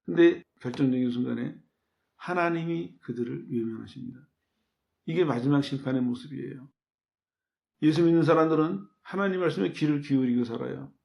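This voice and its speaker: A man's voice: on the high side, a little fast, gravelly, darkish tone. A man, a pastor, preaching a sermon in a conversational way, asking the listeners questions and answering them himself. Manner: acts out quoted voices in his telling.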